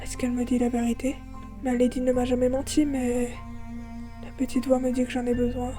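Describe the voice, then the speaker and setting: A woman narrating a first-person audio fiction in a soft, melancholic way. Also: fairly high pitch, completely flat delivery, a little fast, soft background music.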